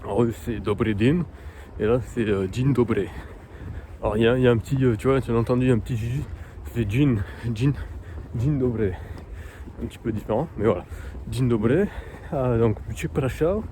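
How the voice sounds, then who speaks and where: Man vlogging outdoors, mellow voice. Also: medium pitch, slight background noise. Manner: hesitant, many fillers, sounding out foreign words slowly. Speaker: vlogger learning Polish. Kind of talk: casual walking vlog. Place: outdoor park in cold weather.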